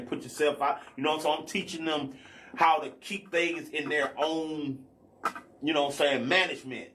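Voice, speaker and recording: A man's voice: on the high side, a bit bright, a little hiss or hum. A man, a guest R&B artist talking in a loose, rambling way, often stopping to check in with the listener. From Athens, Georgia, US. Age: 40s. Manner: rambling, peppers talk with "you know what I'm saying". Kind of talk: casual podcast conversation.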